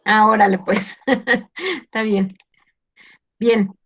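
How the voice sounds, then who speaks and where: Woman teacher, slow and patient, teasing, dull video-call audio. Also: mid-range voice, a bit bright, slightly rough. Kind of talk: online class exam review.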